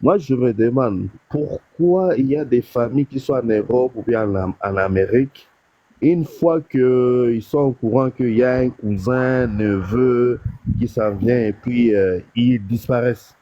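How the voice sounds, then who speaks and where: A man, from North Kivu, calling into a live stream and giving advice in a halting way, full of restarts and fillers. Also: medium pitch, dry recording, dull audio. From DR Congo, North Kivu. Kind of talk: casual call-in advice. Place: call from abroad.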